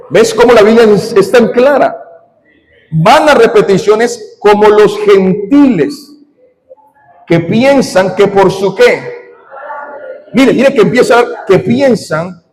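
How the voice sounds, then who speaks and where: A man, preaching a sermon as pastor, animated, quizzing his congregation and breaking into shouts. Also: high voice, in a large hall, low-quality recording. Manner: animated, asks the congregation questions, shouts in bursts.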